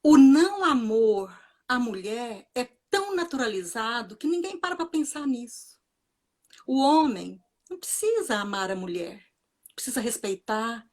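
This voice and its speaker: A woman with a fairly high voice and a Brazilian Portuguese accent gives a reflective talk at a commemoration. She speaks earnestly and circles back to key phrases, repeating them for emphasis. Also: very animated, a little slow.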